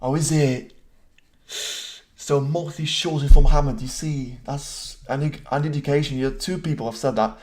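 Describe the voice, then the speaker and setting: A talkative man hosting a live stream, chatting loosely between commentary and viewer comments. He answers the chat directly and pokes fun at himself as he goes. His pitch sits in an ordinary middle range for a man. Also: steady tone, normal speed, a little mellow. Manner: self-deprecating, rambling asides.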